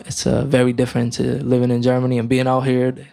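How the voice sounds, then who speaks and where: Speaking with vocal fry at a medium pitch, a young man from Romania chats casually as a guest musician in an interview. He sounds relaxed but halting, full of fillers and restarts.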